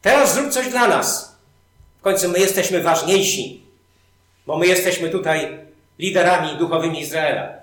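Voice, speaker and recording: A man's voice: fairly high pitch, moderate pace, long pauses, fairly bright tone, natural voice. A man voicing self-important male Pharisee leaders who demand a sign, sounding demanding and haughty. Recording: very echoey hall.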